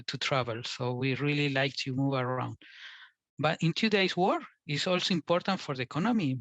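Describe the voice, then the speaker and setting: Guy from chile presenting at a conference, kinda high voice, stops and repeats himself, dry close sound. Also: fairly bright tone, dry recording. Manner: halting, repeats words, non-native phrasing. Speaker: invited speaker. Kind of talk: conference talk.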